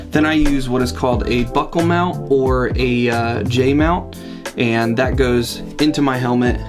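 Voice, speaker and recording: A man talking casually as a vlogger, explaining and demonstrating gear in an informal way. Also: medium pitch. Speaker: motorcycle vlogger. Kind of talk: casual product walkthrough to camera.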